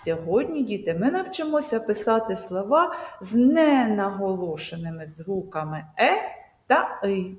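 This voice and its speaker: A woman teacher giving a video lesson to children, speaking slowly and emphatically and drawing out example words. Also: mid-range voice, big pitch swings, darkish tone. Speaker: primary school teacher. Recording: echoey room with long reverb.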